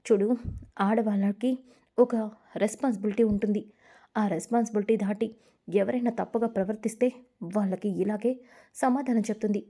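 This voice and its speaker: A woman's voice: medium pitch, fairly even intonation, moderate pace, long pauses, dark tone, natural voice. A woman voicing an upright young wife. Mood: scolding. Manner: firm, pleading.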